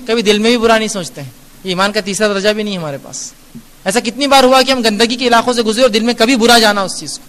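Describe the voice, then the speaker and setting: A man's voice: high voice, a bit bright, big-room sound. A man giving a Q&A religious lecture, earnest and admonishing, explaining through everyday examples. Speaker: Islamic lecturer answering audience questions.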